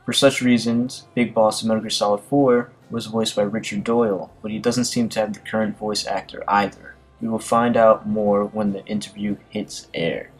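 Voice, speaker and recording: A man with a somewhat low voice talks through gaming news in a relaxed commentary style. He reads passages aloud and keeps stumbling into fillers and small restarts. Soft music plays faintly behind him. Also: normal speed, few pauses, rough recording. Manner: hesitant, frequent fillers and restarts. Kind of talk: casual news commentary, reading articles aloud.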